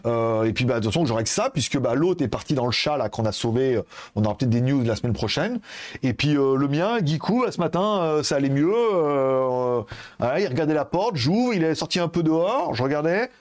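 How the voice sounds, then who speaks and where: A man's voice: medium pitch, lively intonation, fairly quick, a little mellow. A man hosting a tech news show, rambling in a casual way with many hesitations, laughs and swear words. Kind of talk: casual spoken commentary. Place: at home in Asia.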